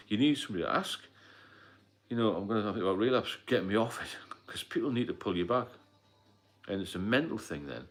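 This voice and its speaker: Middle-aged British livestream host, deep low voice, loose rambling delivery with fillers. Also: male voice, sharp tone. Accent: British English. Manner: rambling, repetitive, frequent fillers and coughs. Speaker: livestream host, sobriety mentor. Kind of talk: casual live stream talk.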